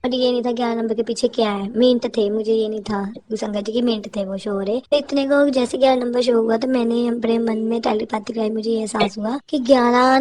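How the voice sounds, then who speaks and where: A woman's voice: fairly high pitch, darkish tone. A woman speaking with a tinge, earnestly retelling a spiritual experience to a congregation and repeating her phrases with feeling. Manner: earnest, repetitive, emotional retelling. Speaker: devotee sharing a spiritual experience. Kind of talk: personal testimony to a congregation.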